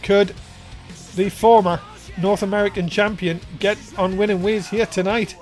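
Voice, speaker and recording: An excitable wrestling commentator works as a showman, mixing play-by-play with show promos. The voice sits in a middle register, with music playing behind it. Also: medium pitch, normal speed.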